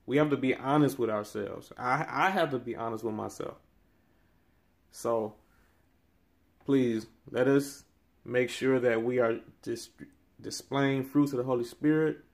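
Speaking at a measured pace with a creaky voice, a man in his thirties teaches from the Bible in an earnest, preacherly way, growing louder and higher whenever he stresses a key phrase. His pitch is in a man's usual middle range, and he records on a phone held close in a small room by the blinds.

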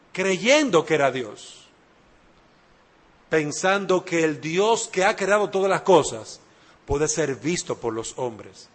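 A man's voice: a little high, fairly bright tone. A man preaching a sermon, emphatic and repeating key phrases, speaking straight to the listener. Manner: addresses listener directly.

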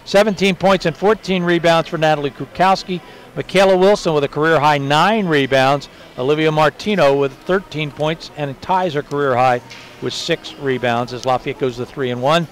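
A man hosting a postgame basketball broadcast, reading off final numbers in a brisk stat-reading delivery. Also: fairly high pitch. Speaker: play-by-play broadcaster. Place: basketball arena broadcast booth.

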